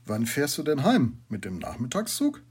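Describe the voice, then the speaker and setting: A man voicing a brisk, gruffly kind middle-aged teacher with a husky voice. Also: medium pitch, wildly swooping pitch. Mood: questioning. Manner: brisk and gruffly warm, emphatic.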